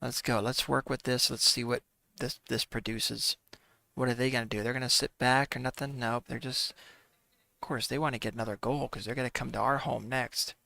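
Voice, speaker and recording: Gaming commentator: man with a gravelly, bright voice, dry close mic, chatty and exasperated. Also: medium pitch, steady tone, moderate pace, no echo. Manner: chatty, talks to viewers as folks; sighs and laughs through frustration. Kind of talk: casual gameplay commentary.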